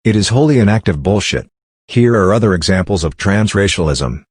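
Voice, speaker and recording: Male narrator, scripted commentary, scornful, insulting, very deep voice, dry close recording. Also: lively intonation, brisk, husky, no room sound.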